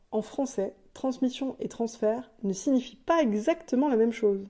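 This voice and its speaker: A woman's voice: medium pitch, warm tone. A woman hosting a podcast, delivering a scripted, explanatory solo monologue with light asides. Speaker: podcast host.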